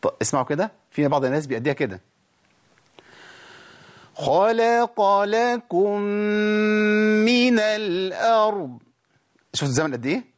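A man with an Egyptian accent teaching tajweed on a TV show, lively, talking straight to the viewers and drawing out sounds slowly to demonstrate them. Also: on the high side, breathy edge. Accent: Egyptian Arabic. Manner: lively explaining, addresses the audience directly. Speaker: Quran recitation teacher.

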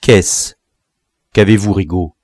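Man doing a quiet, scheming rebel general. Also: fairly even intonation, slow, slightly rough, no room sound, studio quality, full character voice. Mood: dismissive. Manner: speaks in a low, quiet voice.

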